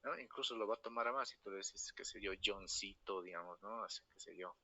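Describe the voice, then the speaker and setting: A man's voice: lowish voice, fairly quick, sharp tone, muffled recording. A man with a La Paz Bolivian accent giving a spoken university lecture, tagging nearly every phrase with a question to his students. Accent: Bolivian Spanish, La Paz. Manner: tag questions after nearly every phrase, storytelling asides.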